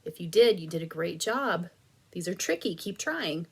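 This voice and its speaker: A woman teacher giving a recorded reading lesson to young children, with slow, clear prompts and patient praise. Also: fairly low pitch, expressive.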